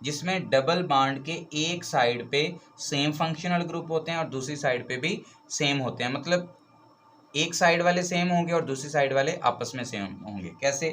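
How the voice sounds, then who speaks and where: A man's voice: a little high, moderate pace, a bit bright, a little hiss or hum. Man teaching chemistry, step by step. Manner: explains step by step with frequent "theek hai" checks. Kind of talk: classroom lecture.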